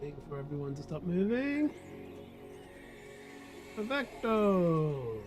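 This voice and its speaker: Brief: man, high voice, tired and yawning, self-mocking chat over a game. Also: sing-song, slow, over music. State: sleepy, yawning. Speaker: gaming video creator. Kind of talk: casual gameplay commentary.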